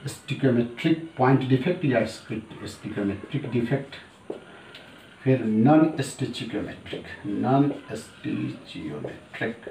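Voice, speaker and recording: A man's voice: medium pitch, very animated, unhurried, mellow, slight background noise. A middle-aged man teaching a chemistry class, chatty, repeating each term and calling his students sir. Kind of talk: classroom lecture. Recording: echoey room, voice from a distance.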